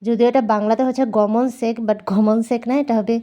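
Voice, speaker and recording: A woman with a Bangladeshi Bengali accent teaching Korean words in a casual video lesson, slowly repeating each word for practice. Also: fairly high pitch, fairly even intonation, mellow.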